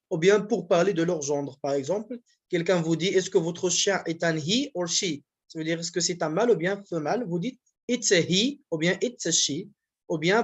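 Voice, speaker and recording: A teacher walks students through grammar step by step, at a middling pitch. The delivery is patient and repetitive, with frequent check-ins to make sure everyone is following. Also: husky. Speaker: university language teacher. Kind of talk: classroom grammar lesson.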